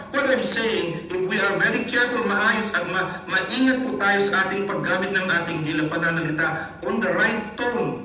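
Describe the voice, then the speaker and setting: A man's voice: high-pitched, pushed and bright. A man from the Philippines, a pastor, preaching a sermon and mixing Tagalog with English while he often calls out to his brothers and sisters. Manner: preaching with repeated addresses to the congregation; mixes Tagalog and English in teaching. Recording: echoey room, mic far off, faint hiss.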